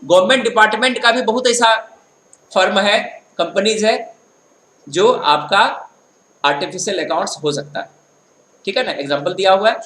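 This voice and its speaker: This male accounting teacher's voice sits high and a bit bright, and he delivers a patient classroom-style lecture. After slowly reading each English definition he explains it, often asking tag questions to check understanding, all recorded in an echoey space with faint noise.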